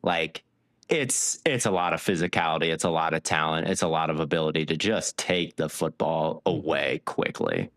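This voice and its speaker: A man co-hosting a casual sports podcast, walking through stats with lively analysis. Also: very deep voice, normal speed, dry recording, studio quality. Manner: stat-heavy, animated analysis. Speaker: podcast co-host.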